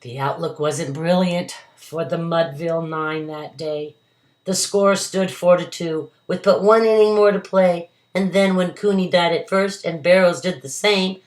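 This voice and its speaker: A woman with a low-pitched voice reads a picture-book story aloud to children. Her delivery is expressive and emphatic, in a storyteller's style. The recording is echoey, like a room at home. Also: measured pace. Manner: dramatic, emphatic delivery with acted character voices. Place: indoors at home.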